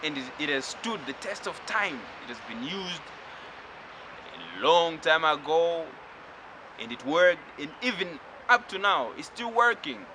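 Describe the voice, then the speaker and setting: Man from zimbabwe, spiritual lecture, fairly high voice, reflective, speaks straight to listener, noisy background. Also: animated, bright, forceful tone. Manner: slow, reflective, addressing listener directly.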